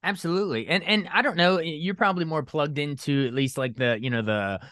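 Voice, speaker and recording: A man's voice: fairly high pitch, fairly bright tone, no echo, studio quality. A man interviewing a guest for radio, stumbling and repeating words as he shapes his questions. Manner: halting, repeats words while forming questions.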